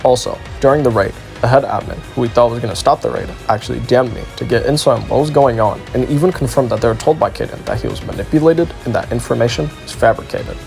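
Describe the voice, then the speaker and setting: A man narrates a scripted video exposé at a quick clip, his medium-pitched voice carrying a creaky, fried edge. Soft music plays beneath his reading.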